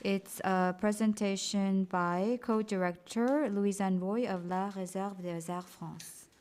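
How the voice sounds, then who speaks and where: A woman moderating a conference, announcing speakers and giving instructions in a measured way. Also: mid-range voice, steady tone, a little mellow. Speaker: event moderator. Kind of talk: event moderation.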